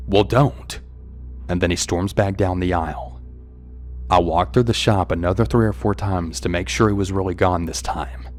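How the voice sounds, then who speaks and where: A man narrating a scripted first-person horror story in a tense, steady manner. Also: low voice.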